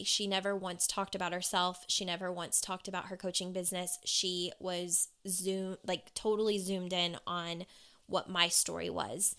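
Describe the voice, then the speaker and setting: A young woman talks through her own story in a chatty, candid way, full of little fillers. Her voice is bright and forward. She sounds like a podcast host speaking straight to her listeners. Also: fairly low pitch, smooth. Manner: candid, conversational, many "like" fillers. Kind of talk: personal storytelling monologue.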